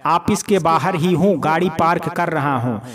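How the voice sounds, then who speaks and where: A man voicing Bihan, a quiet, hurt young man who gives short, withdrawn replies, in a storybook reading. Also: fairly high pitch, moderate pace, a crowd in the background, natural voice.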